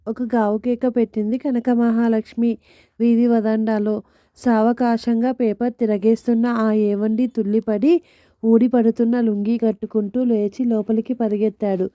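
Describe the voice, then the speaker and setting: A woman telling a scripted audio story in a lively, wry way. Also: fairly high pitch, moderate pace, dry recording. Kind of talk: scripted narration. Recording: dull lo-fi dry recording.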